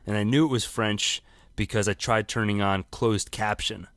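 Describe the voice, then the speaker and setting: Low-voiced man recapping a show. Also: fairly even intonation, normal speed, a bit bright, dry recording, clean studio sound. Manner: conversational, explains plot at length. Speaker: podcast co-host. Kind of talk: casual recap chat.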